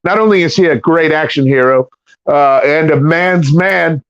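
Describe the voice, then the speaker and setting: Male guest, slightly high voice, stumbles over words, dry muffled lo-fi sound. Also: dry recording. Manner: stammering, quick to laugh. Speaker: livestream guest. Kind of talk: casual chat. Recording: dry, dull lo-fi audio.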